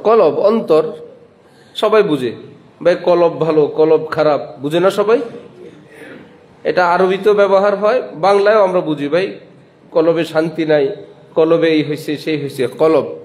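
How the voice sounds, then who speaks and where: High-voiced teacherly Bangladeshi preacher. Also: male voice, darkish tone. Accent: Bangladeshi Bengali. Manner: teacherly, asks and answers own questions; spells out letters and sounds slowly. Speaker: madrasa principal, preacher. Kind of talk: religious lecture.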